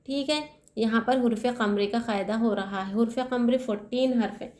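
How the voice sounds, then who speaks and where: A woman teaching Quran recitation step by step. She asks her own questions and answers them, and she spells out letters slowly. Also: a little high, steady tone, darkish tone. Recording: echoey room.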